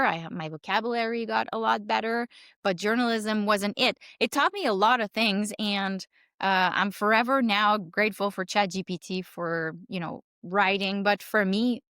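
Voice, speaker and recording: In a casual interview, a fortyish Canadian woman who works as a circus performer and realtor rambles as a guest, using lots of fillers in her French Canadian accent as a native French speaker. She has a mid-range, fairly bright voice, captured at studio quality with no room sound.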